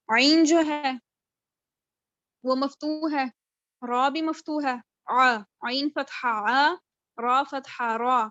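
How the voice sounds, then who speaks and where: High-voiced woman drilling recitation letter by letter on a video call, dry muffled sound. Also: a bit bright, no echo. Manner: patient letter-by-letter drilling, slow spelled-out syllables. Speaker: Qur'an recitation teacher. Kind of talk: live online tajweed lesson. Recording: dull lo-fi video call audio.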